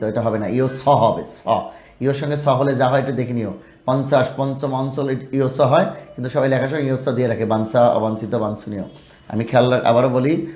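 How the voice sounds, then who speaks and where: A man with a Bangladeshi Bengali accent teaches spelling, calling out long word lists in a lilting, rising chant. His voice is mellow and a little dark. The sound carries the echo of a hard room. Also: medium pitch. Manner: drills word lists in a rising sing-song. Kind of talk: spelling lesson.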